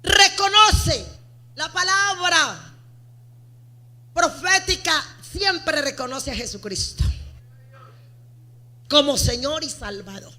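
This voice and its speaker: A woman pastor preaching a sermon, swinging between loud, emphatic outbursts and quiet asides, repeating phrases and asking the congregation rhetorical questions. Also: high-pitched, slow pace, pauses often.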